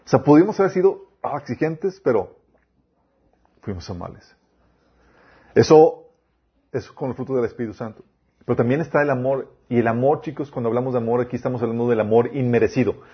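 A man's voice: mid-range voice, brisk, pauses often, breathy edge, dull audio. A man preaching a sermon, quoting scripture and asking his listeners rhetorical questions.

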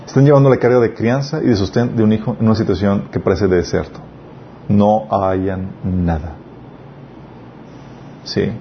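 A man preaching a sermon and reading scripture aloud, earnest, with restarted words and emphatic peaks. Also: medium pitch. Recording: dull lo-fi recording with faint noise.

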